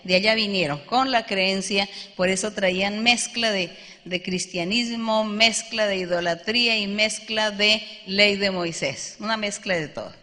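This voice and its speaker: Bright-voiced woman teaching in a hall. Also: mid-range voice, measured pace. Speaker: church leader answering questions. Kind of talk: Bible study teaching. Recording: long hall reverb.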